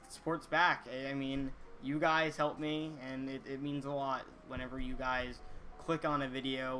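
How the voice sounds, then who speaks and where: Bright-voiced teenage boy chatting to camera. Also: mid-range voice, a little hiss or hum. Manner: halting, earnest, repeats words. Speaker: YouTuber reading viewer comments. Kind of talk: casual chat to camera. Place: small indoor room, gaming chair.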